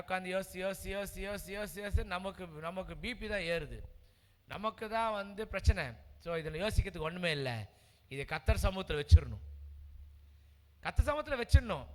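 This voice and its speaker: A man's voice: sits high, fairly bright tone, in a large hall. A man preaching a heartfelt sermon, repeating words with emotional, earnest delivery. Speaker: pastor. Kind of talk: sermon testimony.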